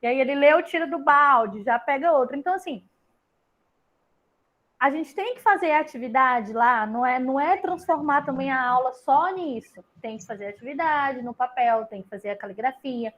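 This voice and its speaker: A woman walks parents through reading activities. She talks chattily, piling up examples and tagging her points with quick questions to keep them with her. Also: high voice, lively intonation, fairly bright tone, highs cut off. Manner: chatty, explains with examples, many tag questions. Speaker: literacy tutor leading a parent meeting. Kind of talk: online group session, casual explanation.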